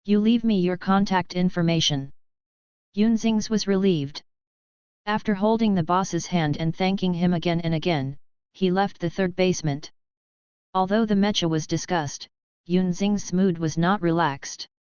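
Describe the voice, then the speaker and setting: Low, crisp woman narrating an audiobook. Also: a little slow, a little mellow, dry recording, highs cut off. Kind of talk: scripted narration.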